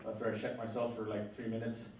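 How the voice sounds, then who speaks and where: This young Mexican-accented comic has a lowish voice and delivers quickly with no inflection at all. Performing stand-up in a theatre, he's loose and conversational, restarting clumsily and cracking up at his own jokes; the distant mic picks up a noisy, echoey hall.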